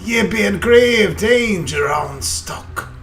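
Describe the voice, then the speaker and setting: A man's voice: high-pitched, expressive, slow pace, a bit bright, a little hiss or hum, pitched above the performer's own voice, heavily acted. A man voicing an agitated, wild old ghostly dwarf warrior who speaks in exclamatory, archaic fantasy dialect, for a video game. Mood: grave, urgent.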